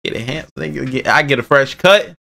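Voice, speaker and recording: Slangy young man reacting, bright voice. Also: medium pitch, expressive, moderate pace. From Bay Area. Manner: slangy, rambling, joking. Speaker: streamer reacting to a video. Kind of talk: casual reaction commentary. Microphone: headset.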